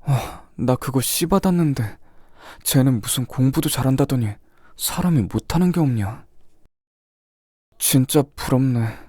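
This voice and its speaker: A man voicing a shy, quiet teenage schoolboy in an audio drama, speaking hesitantly with stammers. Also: medium pitch, measured pace, long pauses, no echo, studio quality, natural voice. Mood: envious. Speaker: narrator and lead.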